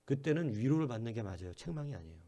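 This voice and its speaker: A male pastor giving a conversational sermon, asking the congregation questions and acting out quoted voices from whispers to loud bursts. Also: medium pitch, very animated, racing.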